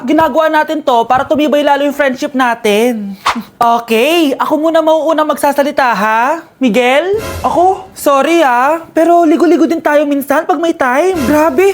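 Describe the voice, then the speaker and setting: A woman performing a comedy sketch, switching between several classroom characters. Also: sits high. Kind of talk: skit acting.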